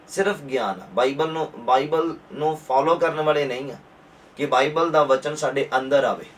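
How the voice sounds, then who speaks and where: A pastor with a Punjabi accent preaching a sermon, repeating his points and rising to forceful emphasis. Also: medium pitch, recorded from a distance, slight background noise.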